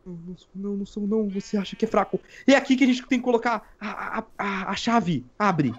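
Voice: mid-range voice, quick pace, dull audio. A gamer playing Minecraft with a friend, insistent and shrieking in panic. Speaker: gaming partner. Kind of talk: excited Minecraft let's play chat.

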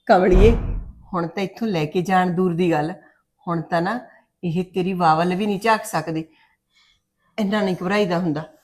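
A woman's voice: fairly low pitch, steady tone, moderate pace, natural voice. Protective Punjabi mother, played by a woman, middle-aged, firm and comforting. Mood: reassuring. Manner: protective, reassuring. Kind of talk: web series drama acting.

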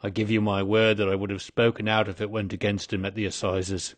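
A man's voice: lowish voice, little pitch movement, fairly quick, dry recording, lightly acted. A man voicing a weary, grave old man confessing his past in an audiobook story. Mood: pleading, sorrowful. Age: older. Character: weary, dying old man, confessed former highway robber.

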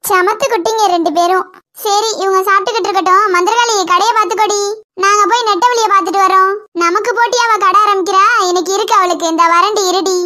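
A woman doing a shrill bossy cartoon shopkeeper. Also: steady tone, quick pace. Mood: scolding. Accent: Kanyakumari Tamil. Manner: scolding, sharp-tongued. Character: bossy scolding woman who runs a chicken shop. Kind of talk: cartoon voice acting.

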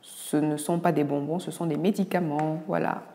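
A woman's voice: low voice, fairly even intonation, moderate pace, dark tone, long reverb tail. A woman doctor from Cameroon with a Cameroonian French accent, answering viewer questions in a casual, frank and teasing way. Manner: frank, teasing, blunt asides. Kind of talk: casual video Q&A.

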